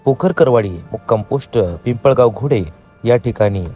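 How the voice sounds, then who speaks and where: A man reporting the news in a measured, formal voice-over. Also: mid-range voice, mellow, slightly rough, soft background music.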